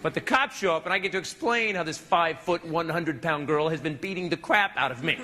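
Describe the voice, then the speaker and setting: A man doing a stand-up comedy set, telling a story in a brash, animated way, recorded live. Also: a little high, quick pace. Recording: noisy live stage recording.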